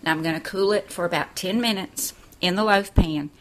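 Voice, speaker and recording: Lady doing a cooking demo in her kitchen, chatty step by step, kinda low voice. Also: moderate pace. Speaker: cooking show host. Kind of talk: friendly cooking demonstration. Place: home kitchen.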